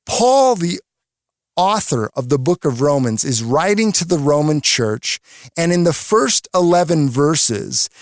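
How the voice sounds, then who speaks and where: A man's voice: a little high, no room sound, studio quality. A man giving a radio devotional Bible teaching, explaining scripture earnestly with stories.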